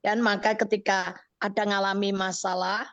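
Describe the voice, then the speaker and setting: A middle-aged woman evangelist with a Javanese accent, telling a personal testimony on a radio counseling show, animated and acting out what she said. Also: medium pitch, normal speed, dry recording, muffled recording. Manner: animated storytelling, acts out her own quoted words. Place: radio studio.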